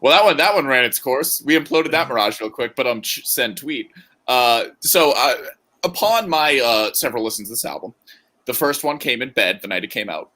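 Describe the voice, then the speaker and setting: A man's voice: medium pitch, expressive, a little fast, pushed and bright. A man co-hosting a podcast in casual banter, joking and rambling with frequent laughs. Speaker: podcast co-host.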